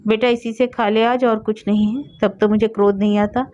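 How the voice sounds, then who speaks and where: A woman voicing a hungry, defiant village boy who shouts back and sulks, in a storybook reading. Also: a little high, little pitch movement, moderate pace, voice pushed up, natural voice. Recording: dull lo-fi recording.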